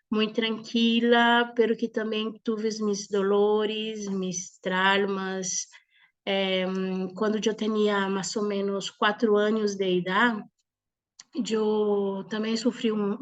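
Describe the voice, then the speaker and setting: A Brazilian woman speaks slowly in Portuñol, blending Portuguese, her native language, with Spanish. She is in her forties and has a medium-pitched voice. Her delivery is that of an informal faith testimony, hesitant and broken by frequent pauses. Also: muffled recording. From southern Brazil. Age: 40s. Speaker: speaker giving a personal testimony. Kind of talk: informal religious talk, personal testimony.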